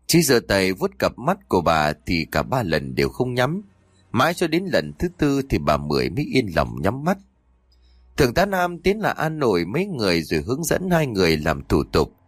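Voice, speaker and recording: Expressive male audiobook narrator, dry sound. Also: lowish voice, dry recording. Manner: expressive, voices the characters' cries and quarrels.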